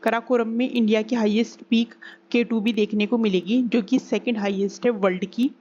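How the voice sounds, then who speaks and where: A woman teaching an exam-prep geography lesson, repeating key terms slowly and asking and answering her own questions. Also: a little high, steady tone, a little mellow. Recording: slightly dull recording with faint hiss.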